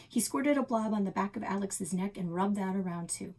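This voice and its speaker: A woman reads a children's novel aloud in an expressive storytelling style, her medium-pitched voice moving briskly.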